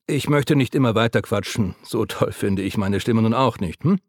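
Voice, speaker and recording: Ein Mann spricht einen sanften, gesprächigen Pfleger. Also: male voice, lowish voice, moderate pace, dry recording, clean studio sound, close to an everyday voice. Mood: soothing. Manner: soothing, patient, overly talkative. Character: gentle, chatty man caring for a patient.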